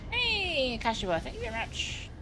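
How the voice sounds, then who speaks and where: Casting note: chatty woman streamer, animated intonation, casual live commentary over clear game music. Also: high-pitched, moderate pace, low-quality recording. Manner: chatty, reacting aloud with exclamations. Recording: music behind the voice.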